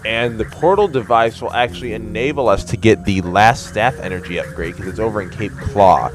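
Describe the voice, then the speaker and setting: A man's voice: fairly low pitch, brisk, faint music behind. Goofy young man narrating gameplay. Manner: joking, goofy, breaks into silly voices. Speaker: let's play commentator. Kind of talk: casual gameplay commentary.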